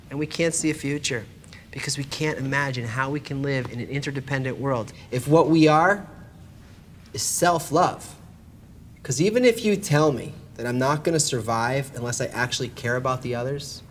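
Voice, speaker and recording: Over background music, a man with a medium-pitched, slightly bright voice lectures on a spiritual topic, explaining in a conversational yet scripted style. He speaks straight to the listener and poses rhetorical questions; the recording carries a little hiss or hum.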